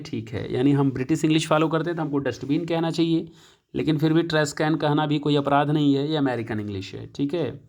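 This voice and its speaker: A man teaching an English lesson, explaining each point again and again, often pausing to check and correcting himself. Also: on the high side. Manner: repetitive, checks with "ठीक है" often; self-correcting, thinking aloud. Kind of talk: classroom-style lesson.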